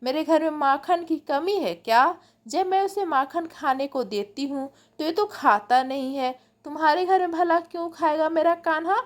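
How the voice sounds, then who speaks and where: A woman voicing a protective, scolding mother who talks in rapid, insistent bursts. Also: sits high, natural voice. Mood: defensive.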